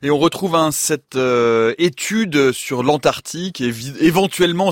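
Male radio science presenter, slightly high voice, bookish and wry, very close dry sound over music. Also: no room sound. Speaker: radio science show host. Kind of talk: spoken radio presenting, semi-scripted. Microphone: close studio microphone.

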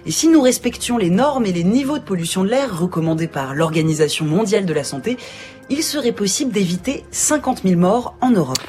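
Female science news reporter, lively intonation, conversational scripted briefs over a music bed. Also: mid-range voice, brisk.

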